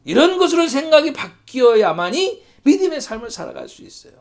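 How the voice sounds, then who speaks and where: High, lively-voiced Korean pastor. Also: male voice, brisk. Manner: reads scripture aloud, asks the congregation rhetorical questions. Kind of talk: Bible study sermon.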